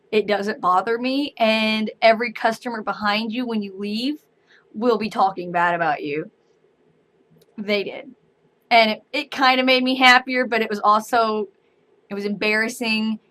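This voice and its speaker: Brief: animated young woman, casual store-worker vlog, bright and slightly high. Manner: animated, chatty, acts out dialogue. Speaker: store cashier.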